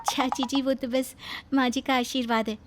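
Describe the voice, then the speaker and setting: A woman's voice: level tone, moderate pace, very noisy, natural voice. Woman voicing a tearful young daughter-in-law. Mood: chatty. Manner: pleading, sobbing high voice.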